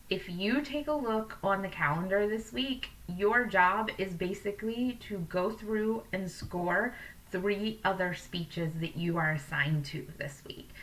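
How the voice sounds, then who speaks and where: A middle-aged woman with a bright, forceful voice gives an informal lesson to students. She sounds upbeat and encouraging. The sound is a little distant, picked up by a webcam microphone in a room at home. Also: mid-range voice. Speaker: teacher. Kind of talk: casual recorded lesson for students. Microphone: computer webcam mic at a distance.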